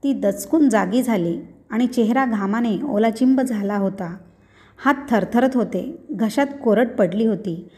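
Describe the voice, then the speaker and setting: Woman, storyteller, steady narration, slightly high voice. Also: a little slow.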